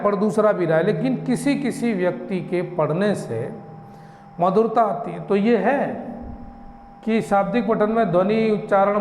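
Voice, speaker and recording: A man teaching a lecture class, talking slowly and deliberately, drawing out syllables and asking rhetorical questions. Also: high voice, darkish tone, a little hiss or hum. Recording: echoey room, faint ambience.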